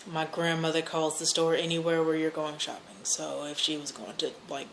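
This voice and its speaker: A woman's voice: sits low, level tone, normal speed. An American woman chatting casually and answering questions, rambling and hesitant as she corrects herself. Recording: noticeable background noise.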